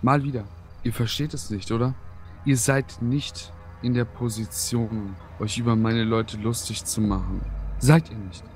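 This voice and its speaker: Calm, authoritative man. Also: mid-range voice, a little slow, soft background music. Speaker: roleplayer. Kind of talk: in-game voice chat roleplay.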